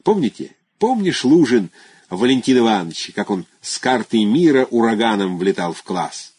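Audiobook role: man doing a gushing, chatty schoolmate, husky voice, dry close sound, lively exclaiming lilt. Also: mid-range voice, moderate pace, dry recording. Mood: effusive. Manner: effusive, exclaiming, rambling memories. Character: chatty nostalgic former classmate, adult man. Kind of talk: audiobook character voice.

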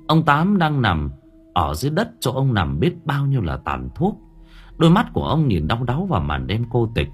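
A man reads a story aloud in a dramatic, suspenseful way. His voice is low and husky, with a lively, rising and falling delivery, and soft music runs quietly beneath. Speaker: narrator. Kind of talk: scripted audiobook narration.

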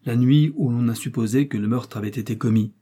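A man's voice: mid-range voice, fairly quick, dark tone, breathy edge, natural voice. A man voicing a constable giving evidence in a matter-of-fact way. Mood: testifying.

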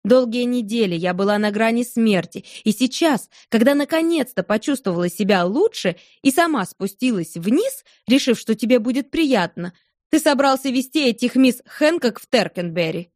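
Woman reads wounded, wilful young wife, higher voice, dry close audiobook sound. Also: animated, moderate pace, a little mellow, no echo, natural voice. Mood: reproachful. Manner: pleading, reproachful, playful turning angry. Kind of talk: audiobook character voice.

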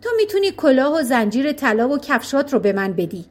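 A greedy, boastful father, as a woman puts him on, eager and grasping as he chases a fortune. His voice rides high and swings lively with excitement, like a storybook character. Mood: demanding.

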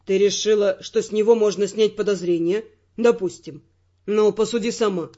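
A woman's voice: mid-range voice, fairly even intonation, moderate pace, dark tone, dull audio, pitched below the performer's own voice, natural voice. A woman voicing a wry, persistent young male secret agent who argues his point evenly. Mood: reasoning.

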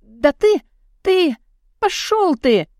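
A woman voicing an indignant young woman with quick, pointed retorts in an audiobook. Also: fairly high pitch, expressive, no room sound, clean studio sound, natural voice.

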